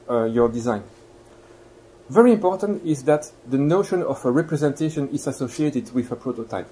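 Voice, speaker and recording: A guest lecturer with a Belgian accent addresses a lecture room, explaining courteously and asking his audience questions. His mid-range voice is mellow, and the live recording is low quality with clear background noise.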